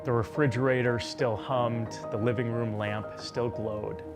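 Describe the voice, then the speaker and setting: A man's voice: medium pitch, fairly even intonation, unhurried. Reflective young man narrating over music. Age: 20s. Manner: soft, reflective, emotional. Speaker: TV reporter. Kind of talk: scripted narration.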